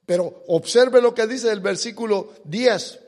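A man's voice: high-pitched, unhurried, darkish tone. A man preaching a sermon, pressing points with rhetorical questions and drawing out the words he stresses. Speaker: pastor. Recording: long hall reverb.

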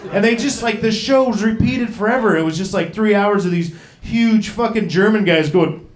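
A thirtysomething comedian with a high-pitched voice performs stand-up in a club, rambling, swearing and poking fun at himself. His pace is moderate, and the recording has a roomy feel.

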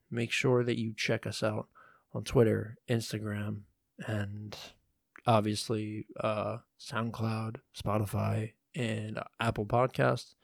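Hushed, gravelly low-voiced young man. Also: no room sound, studio quality. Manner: hushed, quiet delivery; rambling, swears freely. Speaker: podcast host. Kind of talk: casual solo podcast chat. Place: at home at night. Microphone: phone recording.

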